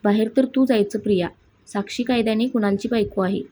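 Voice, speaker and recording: Woman reading as a stern husky grandmother. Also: mid-range voice, fairly even intonation, a little fast, mellow, natural voice. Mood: angry. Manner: scolding, firm. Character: stern elderly grandmother scolding a guest.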